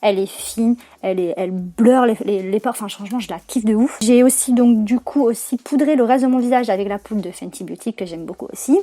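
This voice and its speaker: A woman's voice: fairly high pitch, a little fast, hardly any pauses, warm tone. Chatty young woman doing makeup. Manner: chatty, slangy, many fillers and self-corrections. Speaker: beauty vlogger. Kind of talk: casual makeup tutorial chat.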